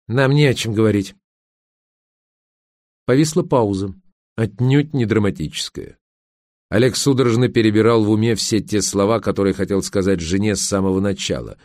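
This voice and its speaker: A man narrating a story aloud in a measured, expressive way, voicing the characters' lines as he goes. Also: lowish voice, no room sound, clean studio sound. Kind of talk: audiobook narration.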